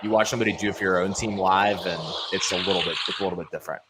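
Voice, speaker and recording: A man hosting a sports podcast in casual chat, relaxed and filling gaps with ums before he passes the talk to his co-hosts. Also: low-pitched, very fast, very noisy. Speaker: podcast host.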